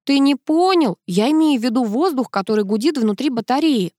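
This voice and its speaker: A woman's voice: sits high, expressive, fairly quick, warm tone, no echo, studio quality, voice pushed up. Irked no-nonsense woman of the house, voiced by a female narrator. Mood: irritated.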